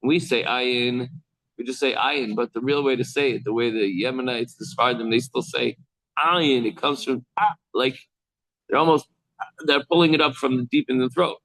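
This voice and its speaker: Gravelly-voiced rabbi teaching a text class. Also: male voice, mid-range voice, steady tone, fairly bright tone, no room sound, poor audio. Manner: explains slowly, demonstrates letter sounds, asides to students. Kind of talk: explanatory text class, reading and commenting. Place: classroom with live students.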